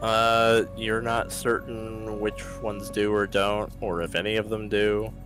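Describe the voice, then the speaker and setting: A man's voice: on the low side, little pitch movement, takes it slowly, music in the background. A man narrating a tabletop fantasy game as game master, in an informal spoken style.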